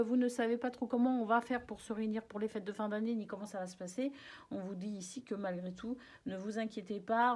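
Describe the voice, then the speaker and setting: Chatty French woman reading tarot. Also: fairly high pitch. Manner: chatty, hesitant, many fillers and restarts; soft, reassuring. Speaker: tarot card reader. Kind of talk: casual tarot reading for viewers.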